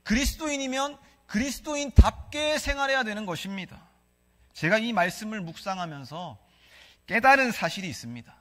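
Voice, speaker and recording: A pastor whose speech carries a Gyeongsang Korean accent delivers a sermon at moderate pace, his voice sitting high and animated. The long reverb of the church sanctuary surrounds him as he questions the congregation and guides them through reading scripture aloud.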